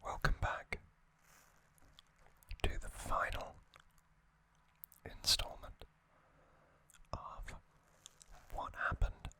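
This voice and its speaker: In a sharp-toned, breathy whisper with no voicing, this ASMR series host delivers trivia. He paces it deliberately, in short phrases broken up by pauses.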